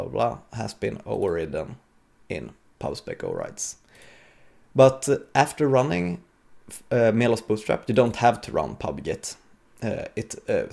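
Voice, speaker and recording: A conference speaker gives an informal live coding talk, explaining things as he goes. His voice is gravelly and husky, fairly low in pitch with a darkish tone.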